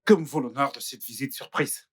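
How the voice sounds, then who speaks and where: A guilty doctor, caught out, begs his visitor to sit and talk calmly, voiced by a man in a dubbed film. His voice is husky and mid-pitched, placating and nervous. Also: a little fast, close to an everyday voice. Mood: nervous pleading. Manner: placating, pleading. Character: guilty male doctor, smooth then pleading.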